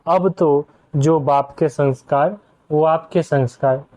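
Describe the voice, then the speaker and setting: Speaking slowly in a slightly high voice with a dark tone, a man gives a spiritual talk to an audience and regularly throws rhetorical questions at them. The audio is dull and lo-fi.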